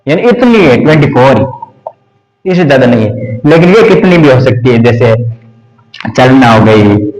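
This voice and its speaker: A man teaching English grammar in Hindi, explaining slowly and repeating lists aloud while he writes. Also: mid-range voice, very animated, darkish tone. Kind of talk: classroom grammar lesson. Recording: echoey room.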